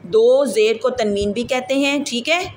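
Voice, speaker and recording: A woman leads a recitation class in a slightly high voice, patient and methodical. She often asks her students questions and repeats herself to make sure they follow. A faint hiss of noise runs under her voice. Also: unhurried, poor audio. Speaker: Quran recitation teacher. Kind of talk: classroom lesson.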